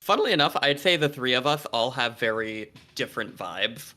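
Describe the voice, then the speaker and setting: A man's voice: medium pitch, animated, moderate pace, sharp tone. A man streamer chatting casually with friends, bubbly and laughing often. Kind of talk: casual chat on a group stream.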